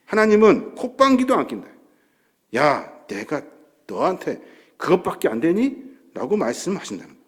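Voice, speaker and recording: Lively Korean pastor preaching. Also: male voice, medium pitch. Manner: animated, rhetorical questions, acts out prayers. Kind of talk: sermon. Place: church sanctuary.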